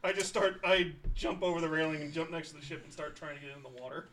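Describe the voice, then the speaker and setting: A man's voice: on the high side, fast, a bit bright, a little hiss or hum. A man chatting casually as a player in a tabletop game.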